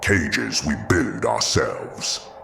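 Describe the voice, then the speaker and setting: A man playing Frankenstein's monster, a bitter, grieving, philosophical creature, in an audio drama with slow, brooding, gravelly speech. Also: lively intonation, pushed and bright, full character voice. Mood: probing, bitter. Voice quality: deep, gravelly. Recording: clearly noisy background ambience.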